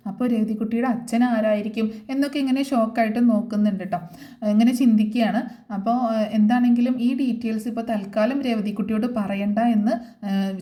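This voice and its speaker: A woman recaps an upcoming serial episode in a chatty, casual way, stopping often for filler sounds. Her voice is warm and mellow, and she talks rapidly. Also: on the high side. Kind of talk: casual plot retelling.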